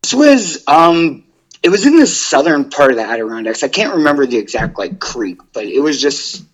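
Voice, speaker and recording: A husky young man talking as a podcast guest, his voice a bit breathy and rough. He rambles loosely, peppering his sentences with "like" and restarts. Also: fairly high pitch, very animated, moderate pace, muffled recording. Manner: rambling, full of "like". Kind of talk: casual interview chat.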